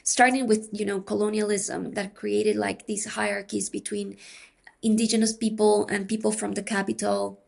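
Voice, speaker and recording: Creaky-voiced woman explaining research. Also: medium pitch, flat delivery, a little mellow. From Peru. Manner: measured, explanatory, thinks aloud. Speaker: academic researcher guest. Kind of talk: podcast interview.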